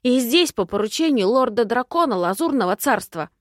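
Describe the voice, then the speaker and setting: A woman voicing a cocky young immortal man who lies smoothly and talks in a calm, self-assured way, in an audiobook. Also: fairly high pitch, normal speed, no room sound, studio quality, voice pushed up, close to an everyday voice.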